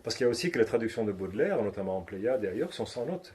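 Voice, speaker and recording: A man's voice: fairly low pitch, sing-song, racing, darkish tone. A man, a translator, speaking in a bookshop conversation, hesitant with many restarts and fillers.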